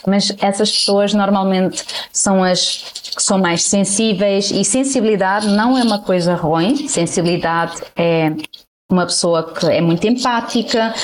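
A woman psychologist with a European Portuguese accent, calmly explaining and reassuring as a guest on a radio show. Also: medium pitch, a little hiss or hum.

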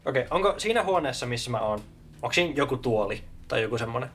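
A man's voice: mid-range voice, animated, a bit bright, soft background music. A man playing a tabletop role-playing game, describing his character's moves casually with lots of hesitant fillers. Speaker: player.

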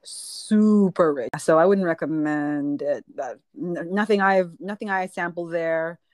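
Low-voiced woman in casual chat. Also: a little slow, no echo. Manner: relaxed, laughs often, trails off with fillers. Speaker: podcast co-host.

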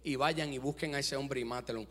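A man's voice: mid-range voice, steady tone, fairly quick, bright, forceful tone, long reverb tail, voice pushed down. A man voicing an angry, scheming male king giving harsh commands, in a sermon. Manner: demanding, commanding.

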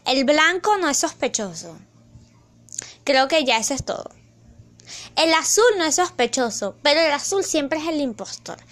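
A young woman chatting in a casual vlog, excitable and rambling, loud at times and slipping into English phrases. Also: high-pitched. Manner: loud, near shouting at times. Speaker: vlogger.

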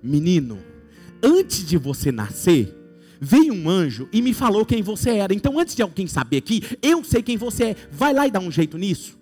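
A man's voice: high-pitched, sing-song, moderate pace, darkish tone, slightly rough, faint music behind, full character voice. A man with a Brazilian Portuguese accent voicing a firm, loving mother who scolds her young son.

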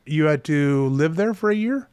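A man's voice: a little high, lively intonation, darkish tone, clean tone, no room sound. Curious male host, dry close sound. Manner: curious, quick follow-up questions. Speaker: interview host. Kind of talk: casual interview questions.

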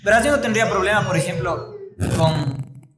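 A man's voice: high-pitched, lively intonation, normal speed, reverberant, a crowd in the background. A young man, co-hosting a casual debate, thinking aloud and often restarting his sentences. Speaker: podcast co-host.

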